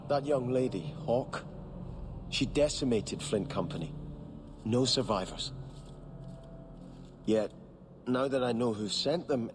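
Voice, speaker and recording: A formal earnest noble from a game, low voice, hissy background. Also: male voice. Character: devout exiled young male noble. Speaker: game character.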